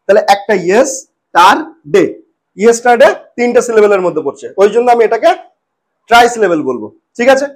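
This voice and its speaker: High-voiced man teaching a lesson. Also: expressive, darkish tone. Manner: repeats words slowly and checks in often. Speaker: English teacher. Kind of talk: spoken lesson.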